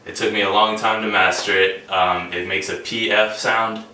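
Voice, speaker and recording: A man's voice: on the low side, fairly even intonation, normal speed, sharp tone. A young man giving a casual instructional talk, with frequent ums and restarts. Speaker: speaker giving a class talk on beatboxing. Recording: echoey room, mic at a distance, faint hiss.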